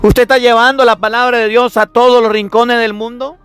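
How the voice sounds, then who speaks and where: Emphatic high-voiced priest preaching. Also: male voice, level tone, a little fast, fairly bright tone, smooth, no echo, faint music behind. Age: 30s. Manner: emphatic, repetitive preaching with rhetorical questions. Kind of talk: sermon.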